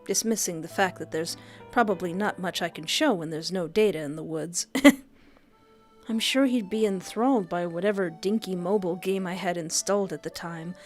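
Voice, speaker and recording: A woman streamer reading a visual novel aloud on a livestream, playful and quick to laugh between the story's lines. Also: on the low side, faint music behind. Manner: lively, playful, laughs often.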